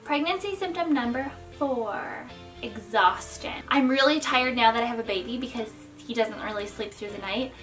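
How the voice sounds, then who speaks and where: A woman's voice: on the high side, moderate pace, a bit bright, far from the mic, soft background music. A young woman hosting her own vlog, giving casual, chatty advice and often correcting herself mid-sentence. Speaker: vlog host.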